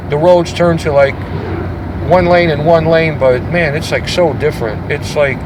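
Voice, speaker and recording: A man's voice: on the high side, fairly even intonation, moderate pace. Rambling middle-aged man vlogging from a car. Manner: rambling, jokey, self-interrupting. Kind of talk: casual road-trip monologue. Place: inside a car on the road at night. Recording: car engine and road noise.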